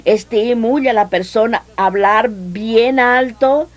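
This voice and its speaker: A woman's voice: fairly high pitch, slow pace. Woman preacher teaching a crowd. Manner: lively, addresses audience with questions. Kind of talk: teaching at a healing seminar.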